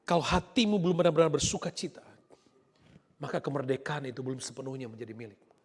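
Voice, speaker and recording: A male pastor preaching a live-streamed church sermon, swinging between soft asides and loud emphatic lines. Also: medium pitch, expressive, fast, breathy edge. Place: church hall. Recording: long church hall reverb.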